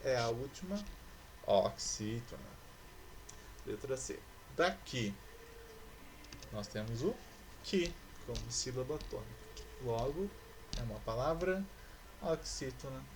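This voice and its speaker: A man teaching a recorded class, patient and explanatory, who slowly draws out each word as he works through its syllables. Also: medium pitch, animated, background noise. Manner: patient and explanatory, stretching out words as he spells syllables. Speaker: school teacher.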